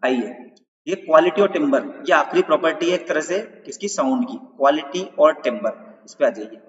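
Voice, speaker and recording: A man's voice: a little high, fairly quick, fairly bright tone. Man lecturing in a roomy classroom. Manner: explains in Hindi mixed with English terms, repeats key points as questions. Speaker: teacher. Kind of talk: exam-prep lecture. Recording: roomy, distant, dull sound.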